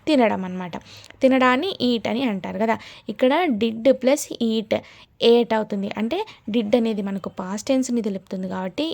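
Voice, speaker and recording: Gravelly-voiced woman teaching English grammar. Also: mid-range voice, a little fast, darkish tone. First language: Telugu. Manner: patient, repetitive, often asks "understood, learners?". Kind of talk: explaining grammar in a lesson.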